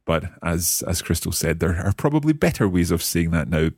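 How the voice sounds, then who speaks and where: A man's voice: low-pitched, sing-song, brisk, a little mellow, husky, no room sound, clean studio sound. A man hosting a language lesson as the learner, asking curious questions and carefully repeating words after his teacher. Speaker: host and learner.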